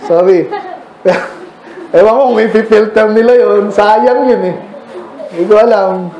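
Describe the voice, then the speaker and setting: High-voiced Filipino pastor preaching conversationally. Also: male voice, a little slow, darkish tone, reverberant, highs cut off, a little hiss or hum. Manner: conversational preaching, asks the congregation questions. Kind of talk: sermon. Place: church.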